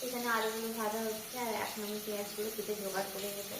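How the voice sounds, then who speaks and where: A woman's voice: medium pitch, level tone, fast, echoey room, heavy background noise. A young woman, a mother and home vlogger, chatting casually to viewers about her daily routine at home. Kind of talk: casual vlog narration. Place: home kitchen, indoors.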